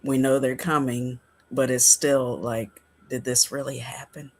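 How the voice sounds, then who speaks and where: A man's voice: medium pitch, level tone, unhurried, darkish tone. A man in his sixties on a casual podcast, explaining ideas in a conversational way.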